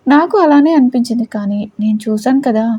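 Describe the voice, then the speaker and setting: A woman's voice: on the high side, a little fast, dark tone, breathy edge. A woman voicing a worried middle-aged mother who confides her fears. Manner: anxious, confiding.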